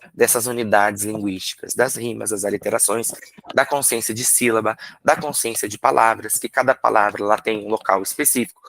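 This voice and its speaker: Man from brazil, literacy teacher, workshop lecture, rhetorical questions, slow syllable demos, dry sound. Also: fairly low pitch, fairly bright tone, dry recording. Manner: explanatory, rhetorical questions, drawn-out syllable demonstrations.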